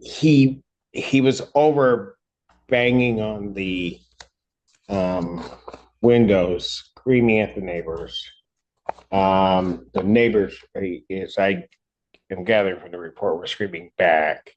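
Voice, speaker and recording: A man serving as judge in a court hearing, speaking carefully and apologetically with many pauses and restarts. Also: low voice, a little mellow, highs cut off. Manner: apologetic, measured.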